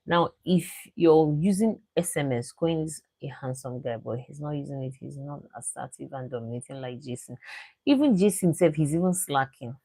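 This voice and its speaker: Nigerian woman with a low voice, chatty and opinionated, dry close recording. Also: normal speed, warm tone, no room sound. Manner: chatty, opinionated, slips into pidgin. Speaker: reality show commentator. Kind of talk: casual commentary.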